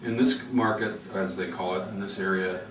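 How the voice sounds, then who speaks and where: A man with a fairly low voice hosts a public radio interview in a casual, well-informed manner. He sounds set back from the microphone in a reverberant room. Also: fairly even intonation, moderate pace. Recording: roomy, distant mic with faint noise.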